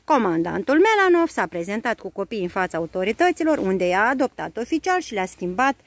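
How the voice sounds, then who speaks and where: A woman narrating a children's book aloud in a lively, expressive storytelling manner. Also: medium pitch, dry recording.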